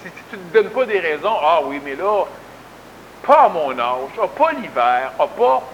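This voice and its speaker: Québécois guy lecturing casually, high voice, repeats words for emphasis. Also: big pitch swings, measured pace, dull audio, a little hiss or hum. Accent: Québécois French. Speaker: spiritual lecturer. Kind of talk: conversational lecture.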